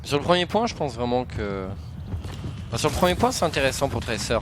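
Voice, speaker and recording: A man's voice: mid-range voice, very animated, brisk, background noise. A man giving live, conversational analysis as co-commentator on a video game match. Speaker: esports co-commentator.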